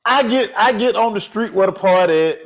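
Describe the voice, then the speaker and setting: A man who once coached high school football, telling a story in casual, slangy sports talk and voicing the people in it. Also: fairly quick, highs cut off. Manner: animated, slangy storytelling with voiced quotes. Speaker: sports talk show host.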